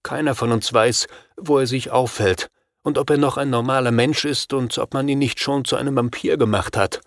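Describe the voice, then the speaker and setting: A man reads an audiobook, lightly acting the part of a worried middle-aged father who is desperate, pleading and fearful for his son. His delivery is anxious and agitated, with a worried mood, though his medium-pitched voice stays steady at a moderate pace. The recording is dry and studio quality.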